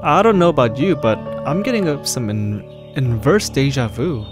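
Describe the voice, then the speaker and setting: A man's voice: medium pitch, lively intonation, normal speed. A young man doing casual let's play commentary, reading game dialogue aloud. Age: young adult. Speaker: gaming streamer. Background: game music.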